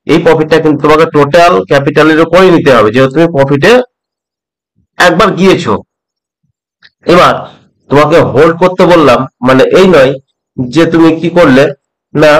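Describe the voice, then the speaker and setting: A middle-aged man from West Bengal teaching a trading method, talking slowly and repeating points, often checking that the listener follows. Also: medium pitch, fairly bright tone, low-quality recording. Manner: slow, repeats points, asks "ঠিক আছে?" often. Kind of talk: slow explanatory tutorial.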